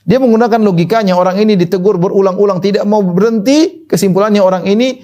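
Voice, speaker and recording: A man preaching a sermon in a lively, scolding way, mixing in Arabic quotations. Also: sits high, quick pace.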